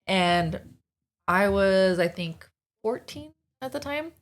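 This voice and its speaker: A woman in her thirties chatting on a podcast, with a medium-pitched voice. She rambles through her stories, packing them with "like" and "you know," and she swears casually. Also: lively intonation, slow. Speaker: podcast co-host. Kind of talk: casual chat, storytelling.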